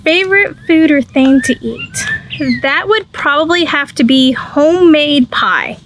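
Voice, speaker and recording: A woman's voice: high-pitched, wildly swooping pitch, unhurried, noisy background. A woman in her early forties co-hosting a homesteading channel, chatting casually and laughing easily. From Texas. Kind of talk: casual chat.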